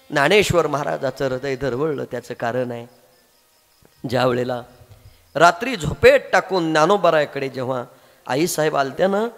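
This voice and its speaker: A man's voice: on the high side, normal speed, long pauses, fairly bright tone. A male devotional preacher telling a saint's story with strong emotion and drama. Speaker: kirtan preacher. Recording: echoey hall with faint music.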